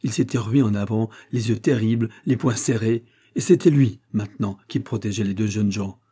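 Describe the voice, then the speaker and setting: A man reading a novel aloud in dramatic audiobook narration, with expressive rises and falls. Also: fairly low pitch, normal speed, breathy edge.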